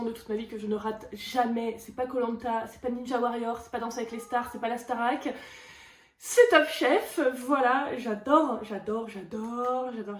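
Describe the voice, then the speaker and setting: A woman talks through her latest book haul in a casual, excited way, stumbling into fillers and repeating herself when she gets carried away. Her voice sits a little high. The recording has a noticeable room echo. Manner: chatty and enthusiastic, many fillers and repeated words. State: recovering from bronchitis. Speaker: book vlogger.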